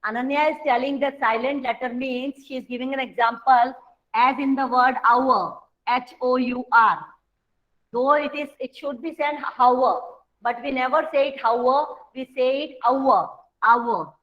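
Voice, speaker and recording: Indian lady teacher, high voice, really slow and patient, dull lo-fi call audio. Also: fairly even intonation. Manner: patient, explains slowly, mixes Hindi and English. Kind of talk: online class lesson.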